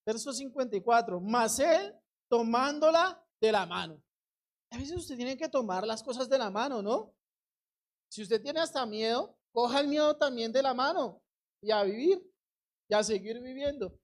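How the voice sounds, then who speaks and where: A woman's voice: fairly high pitch, expressive, normal speed. Exhorting woman preacher. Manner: exhorting the congregation directly, acting out quoted voices. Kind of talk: sermon.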